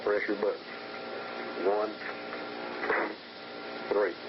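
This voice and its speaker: Male official, measured and formal, on an old muffled archival recording with heavy hiss. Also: on the low side, flat delivery. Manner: measured, formal and matter-of-fact. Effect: old archival recording over a phone line. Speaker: prison official reporting an execution by phone. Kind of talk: steady step-by-step procedural commentary. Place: prison execution facility. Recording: muffled, hissy 1980s archival tape.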